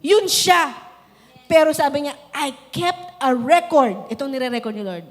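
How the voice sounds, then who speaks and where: A Filipina woman pastor preaches with a high, bright voice. She talks quietly and conversationally, then builds to fervent shouts. Her voice rings out with a long reverb through a large church hall. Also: unhurried. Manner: preaching in mixed Tagalog and English, building to shouted exhortation. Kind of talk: sermon.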